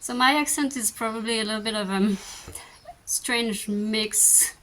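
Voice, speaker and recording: A woman in her thirties with a French accent, French native, chatting gently and thoughtfully as she answers viewer questions in a slow-living vlog. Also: on the high side, a little hiss or hum. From France. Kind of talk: casual Q&A chat.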